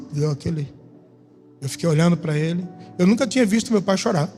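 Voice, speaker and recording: A man with a Brazilian Portuguese accent, a pastor preaching a sermon in a church and telling emotional personal stories, close to tears. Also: high-pitched. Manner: emotional, storytelling, holding back tears. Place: church sanctuary. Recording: reverberant church hall with soft music.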